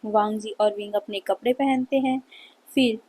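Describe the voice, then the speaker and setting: A woman's voice: mid-range voice, fairly even intonation, normal speed, darkish tone, husky, poor audio. A woman narrating a fan fiction story in a casual storytelling way. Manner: plain storytelling, casual mixed English words.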